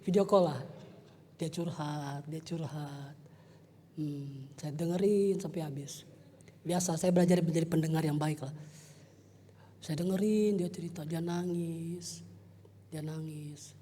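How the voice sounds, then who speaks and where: A man preaching a youth service sermon in a church hall, telling personal stories in an animated way and joking with his listeners. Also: fairly high pitch, measured pace, long pauses.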